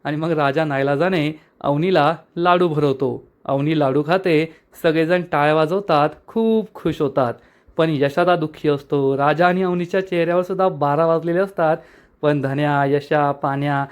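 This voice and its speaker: A man's voice: a little high, normal speed, smooth. Man retelling a soap episode. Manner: lively, reads dialogue aloud. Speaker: serial episode recapper. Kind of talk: storytelling episode recap.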